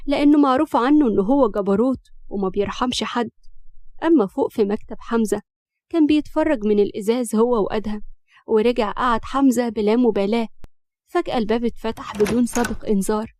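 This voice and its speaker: Fast-reading Egyptian woman narrator. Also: fairly high pitch, a little mellow, dry recording, studio quality. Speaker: story narrator. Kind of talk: scripted narration of a romance story.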